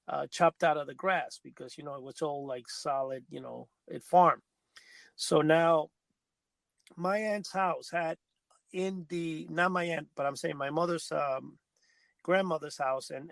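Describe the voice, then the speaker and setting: Gravelly-voiced man telling a rambling story. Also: a little high, no echo. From Cuba. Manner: rambling, self-correcting storyteller. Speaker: podcast co-host. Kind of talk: casual storytelling chat.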